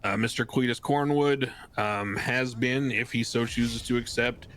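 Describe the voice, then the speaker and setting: A man playing a diplomatic official in game role-play, making a formal announcement in a measured, hesitant manner. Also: mid-range voice, fairly even intonation, a bit bright, a little hiss or hum, close to an everyday voice.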